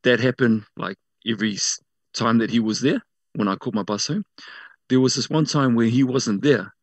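A man from South Auckland with a New Zealand accent, telling personal stories casually as an interview guest, often halting and correcting himself. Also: mid-range voice, no room sound. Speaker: interview guest working in media.

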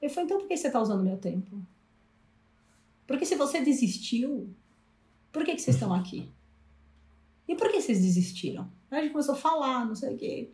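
A Brazilian woman speaking as a guest, telling a story in a lively way and acting out past conversations. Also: sits high, brisk, pauses often. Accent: Brazilian Portuguese. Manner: animated, acts out past dialogues. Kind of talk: casual storytelling interview. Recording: roomy echo.

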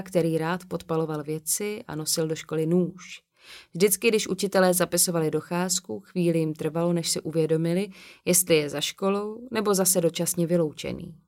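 A woman narrating an audiobook in a calm, measured reading. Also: lowish voice. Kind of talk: scripted narration.

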